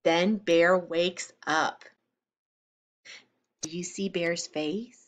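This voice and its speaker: Like a teacher, a woman reads a children's story aloud, expressive and explaining things simply for young listeners. Her voice is fairly low and steady, and she speaks very slowly.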